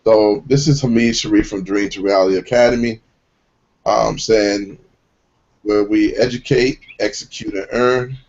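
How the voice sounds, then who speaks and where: A man with a fairly low voice talks earnestly about money and getting ahead, now and then catching himself and restarting. The line sounds muffled. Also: steady tone, measured pace, a little mellow. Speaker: speaker on a group call. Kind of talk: motivational talk. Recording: muffled conference call line.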